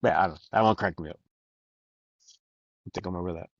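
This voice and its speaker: A low, gravelly-voiced man speaks briskly as a podcast co-host in a casual book discussion, rambling, joking and swearing a lot. The recording is dull and lo-fi, with no echo.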